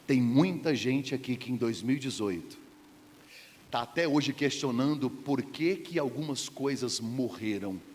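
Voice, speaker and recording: A man's voice: medium pitch, animated, a little slow, darkish tone. A man preaching a humorous sermon, joking and questioning the congregation. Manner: playful, jokes and asks the congregation questions. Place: church hall. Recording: church hall reverb, faint background noise.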